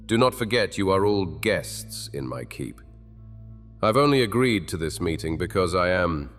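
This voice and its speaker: A man playing a deep-voiced anxious king. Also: fairly bright tone, big-room sound, heavily acted. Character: anxious proud human king cursed with gold. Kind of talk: ASMR audio drama.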